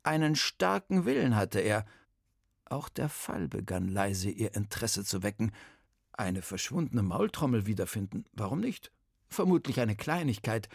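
Man narrating a story, gravelly. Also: fairly low pitch, big pitch swings, moderate pace, no room sound, clean studio sound.

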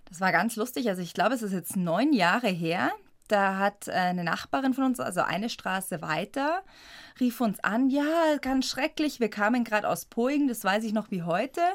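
A woman's voice: medium pitch, animated, moderate pace, no room sound. Woman from around munich chatting on the radio, laughs a lot, dry studio sound. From Munich area, Germany. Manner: chatty storytelling, frequent laughs. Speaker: guest, squirrel rescuer. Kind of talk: radio interview.

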